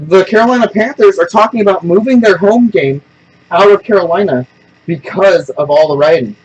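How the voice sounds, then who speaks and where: A man's voice: high voice, brisk, husky, muffled recording. A man hosting a casual podcast chat, blunt and opinionated, telling stories animatedly and acting out the people in them. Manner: animated storyteller who acts out quoted people. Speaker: podcast host.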